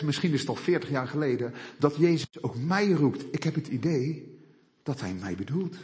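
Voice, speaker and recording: A man preaches with a high, animated voice that rises and falls widely. He keeps asking rhetorical questions and answering them himself. The sound carries a long reverb, as in a large church hall. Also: breathy edge. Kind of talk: sermon. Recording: echoey hall.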